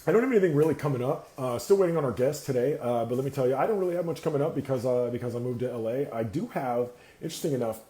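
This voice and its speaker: Seated on a sliding chair in an indoor room, a Californian man hosts a casual live talk stream, rambling and filling the wait for his guests with lots of "uh"s. His voice is medium in pitch and dark in tone, with a reverberant sound.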